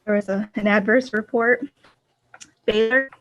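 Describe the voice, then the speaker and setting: A woman's voice: medium pitch, steady tone, unhurried, fairly bright tone. A woman council clerk speaking over a bad remote connection whose audio glitches and breaks up. She apologizes and checks that she can be heard before calling the roll. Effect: glitchy, breaking-up online call audio. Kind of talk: calling a roll call vote. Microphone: remote call connection. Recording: dull, distant remote call with faint noise.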